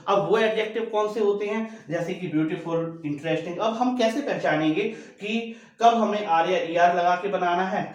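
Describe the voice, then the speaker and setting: A male grammar teacher with a fairly high voice walks through each rule patiently and says the key points twice. The recording is very echoey, as if made in a bare, hard-walled room. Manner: explains step by step, repeating key rules. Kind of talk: classroom-style grammar lesson.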